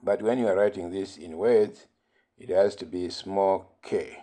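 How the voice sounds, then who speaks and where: Slow, low-voiced male physics teacher. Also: steady tone, warm tone. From Malawi. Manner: slow, repeats key points with fillers. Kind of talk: recorded classroom lesson.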